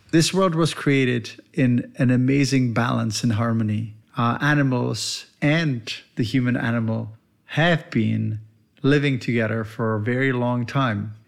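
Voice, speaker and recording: A man's voice: mid-range voice, gravelly. A man from the Republic, a veterinarian hosting his own podcast and talking in an earnest, reflective way. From Czech Republic. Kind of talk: podcast monologue.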